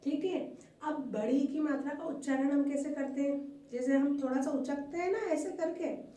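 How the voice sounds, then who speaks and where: Slow, high-voiced Hindi teacher in echoey room. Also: female voice. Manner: patient and repetitive, asks the class questions and answers them herself; calls the pupils "beta" warmly. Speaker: primary school Hindi teacher. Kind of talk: recorded online class lesson. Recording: echoey room, voice far from the mic, faint hum.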